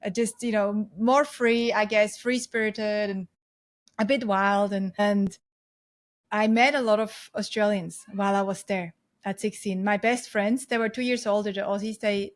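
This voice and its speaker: A woman in her forties with a Swiss accent speaks as a podcast guest. Her voice sits mid-range and she tells her story in a lively, chatty way. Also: medium pitch. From Switzerland. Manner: lively, laughs often, chatty. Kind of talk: casual interview storytelling.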